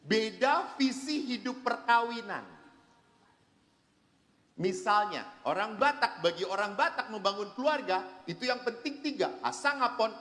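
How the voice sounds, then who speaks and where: Animated priest in an echoing hall. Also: male voice, sits high, unhurried. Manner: animated storyteller, acts out quoted voices, jokes with the audience. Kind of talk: humorous seminar talk. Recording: reverberant hall.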